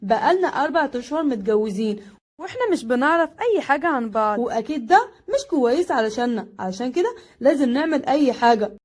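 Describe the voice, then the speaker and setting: A woman's voice: sits high, sing-song, fast, a little mellow. A woman voicing a short-tempered young wife in an anime recap, scolding and teasing in an Egyptian Arabic accent.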